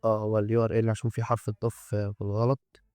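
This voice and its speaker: A man's voice: fairly low pitch, completely flat delivery, very fast, a little mellow, smooth, dry recording, clean studio sound. A man with an Egyptian Arabic accent walks through a coding tool on screen in a casual demo. He chats as he goes, thinks aloud and drops joking asides. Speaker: tech YouTuber.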